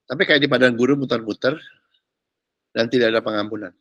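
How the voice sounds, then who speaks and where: A male pastor preaching a sermon, animated and chatty, with mocking asides and casual slang. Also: mid-range voice, quick pace, dry recording, highs cut off.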